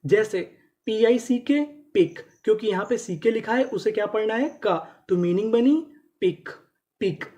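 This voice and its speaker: A teacher giving a reading lesson, spelling each word letter by letter, repeating it slowly, and asking and answering its own questions. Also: mid-range voice, mellow. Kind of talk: classroom-style lesson explanation.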